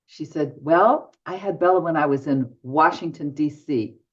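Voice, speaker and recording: A medium in her later years guests on an interview show, sharing anecdotes and playing both parts of the conversations she describes. Her voice is low-pitched and her pace moderate. The sound is dull, low-fidelity.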